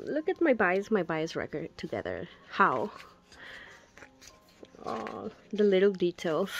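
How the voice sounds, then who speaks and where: A young woman gushing through a photobook unboxing, gasping and whispering little asides as she looks at each picture. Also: mid-range voice. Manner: gushing, breathy gasps and soft whispered asides. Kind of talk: casual unboxing commentary.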